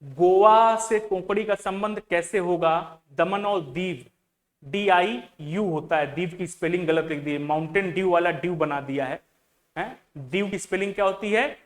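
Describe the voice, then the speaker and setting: High-voiced male reasoning teacher. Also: measured pace. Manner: questioning, repeats key words to students; mixes English terms into speech. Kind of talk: exam-prep lesson.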